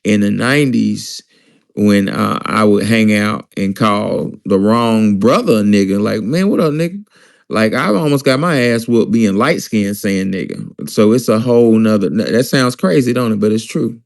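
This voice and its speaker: A man from Alabama in the US Deep South, with a Southern American accent, hosts a casual discussion in a conversational, questioning manner. His voice is fairly low and creaky, at a moderate pace.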